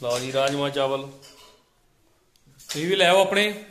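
Easygoing high-voiced man, noisy room. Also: unhurried, fairly bright tone. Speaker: vlogger, father. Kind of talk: casual family chat.

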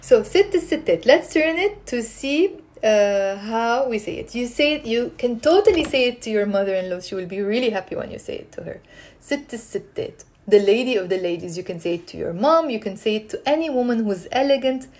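A woman in her thirties with a Lebanese accent teaches a language informally on a live stream, encouraging and animated, repeating words carefully for her viewers. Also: on the high side, brisk, slight background noise. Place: small indoor room at home. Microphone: phone at arm's length.

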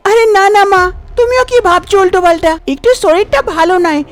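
A woman's voice: very high-pitched, fast, no echo. Woman voicing a despairing young woman. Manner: tearful, pleading. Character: frightened young pregnant woman.

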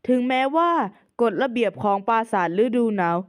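A woman voicing a polite young male butler in a manga recap, formal and soft-spoken. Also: on the high side, lively intonation, normal speed, clear, resonant tone, close to an everyday voice. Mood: calm.

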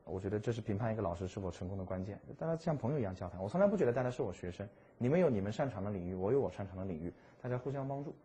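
Lively Chinese man teaching English words. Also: fairly low pitch, breathy edge. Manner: lively, chatty, stretches English words slowly to model them. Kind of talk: exam-prep vocabulary lecture.

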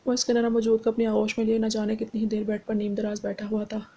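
A woman narrating a romance novel in a steady storytelling voice. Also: medium pitch, quick pace, breathy edge, dull audio. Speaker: audiobook narrator. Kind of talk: novel reading.

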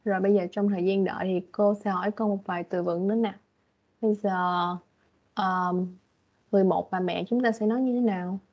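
A woman's voice: medium pitch, steady tone. Patient woman teacher on a video call. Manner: patient, coaxing, explains slowly. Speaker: English teacher. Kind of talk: online English lesson for a young child. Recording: dull lo-fi video call audio.

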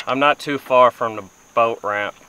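A young adult fishing vlogger, afloat in a small boat on a river, speaks informally and folksily to camera. His mid-range voice has a sharp tone at normal speed, recorded by a camera mic at close to mid distance amid faint insects and outdoor ambience.

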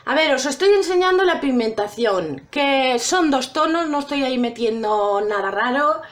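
A woman's voice: sits high, expressive, moderate pace. A woman chatting casually to her viewers while trying out makeup. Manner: chatty, addresses viewers directly. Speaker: makeup vlogger.

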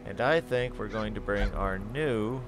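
A man giving casual gameplay commentary, reading item text aloud and thinking out loud as he sorts his party. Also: fairly low pitch, measured pace, music in the background. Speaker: gaming channel host.

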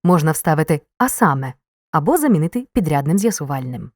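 Lively woman narrating a grammar lesson. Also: sits low, dry recording. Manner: clear, measured reading with marked intonation of example sentences. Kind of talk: scripted educational narration.

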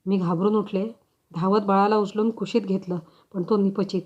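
Scared young mom confessing, read by a woman, halting and broken, dull lo-fi sound. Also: medium pitch, steady tone, darkish tone, lightly acted. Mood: guilt-stricken. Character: frightened young mother, guilt-stricken and desperate. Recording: slightly dull lo-fi recording.

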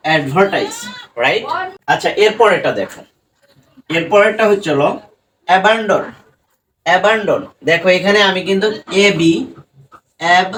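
A teacher with a Bengali accent giving a pronunciation lesson, asking questions and answering them himself, repeating words slowly. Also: medium pitch, a bit bright. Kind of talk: classroom-style lesson to students.

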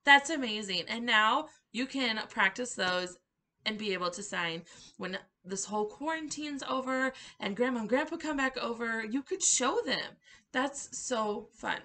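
A woman's voice: a little high, a little slow, bright, forceful tone. A woman leading a circle-time lesson for young children, praising them in an encouraging, cheerful way. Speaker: preschool circle-time teacher.

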